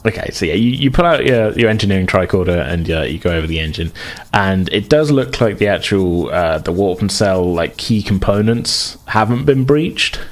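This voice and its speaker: A deep-voiced man runs a tabletop role-playing session as game master, making up his descriptions on the fly and often backing up to rephrase them in a halting, conversational way. He sounds expressive, with slight background noise.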